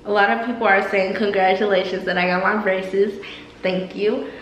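A woman's voice: medium pitch, little pitch movement, normal speed, echoey room, muffled recording, slight background noise. A nineteen-year-old woman vlogging a casual Q&A while speaking with braces, chatty, with frequent ums. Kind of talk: casual Q&A vlog.

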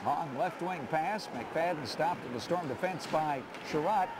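A man calling hockey play-by-play in clipped phrases that rise into excited shouts. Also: a little high, measured pace. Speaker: play-by-play commentator. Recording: very noisy arena broadcast.

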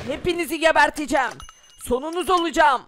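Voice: high voice, brisk, bright, forceful tone, slight background noise. A performer voicing a lone gunman outside a house who taunts and shoots zombies to save the people inside. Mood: tough.

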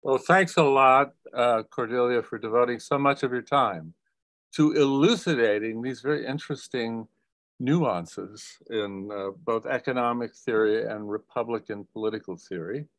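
A man's voice: mid-range voice, normal speed, a bit bright, no echo. A man hosting a talk, thanking the speaker and asking a follow-up question with many hesitant fillers. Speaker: host. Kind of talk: interview moderation.

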